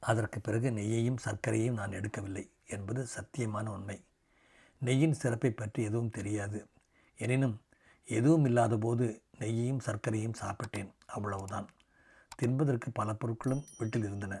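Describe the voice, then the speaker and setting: A man in his sixties reading a short story aloud in a measured, softly dramatic way. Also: lowish voice, steady tone, creaky, breathy edge. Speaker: story reader.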